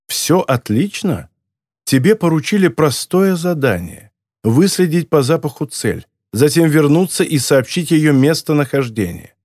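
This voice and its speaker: Guy doing a smug sinister yank, mocking and slow, dry close sound. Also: a little high, lively intonation, a little mellow, dry recording. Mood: scornful. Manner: mocking, cold, deliberate. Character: sinister condescending bald American man. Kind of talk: audiobook character voice.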